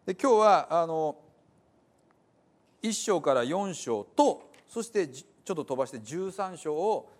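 Man, pastor, sermon, slightly high voice, very animated pitch, explains and then stresses points. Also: a little slow. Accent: Hiroshima dialect in the reading. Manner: lively, many fillers, shifts between calm explanation and emphatic points. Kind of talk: sermon with scripture reading in dialect.

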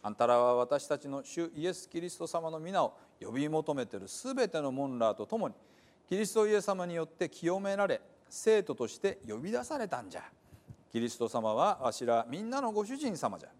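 Man, Hiroshima dialect, scripture reading, earnest, slightly high, lively pitch. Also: a little fast.

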